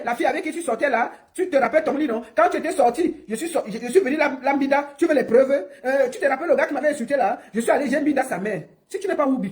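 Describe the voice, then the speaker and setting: A woman's voice: high voice, a little mellow. A woman ranting on a live stream in a scornful, mocking, repetitive way. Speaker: online personality.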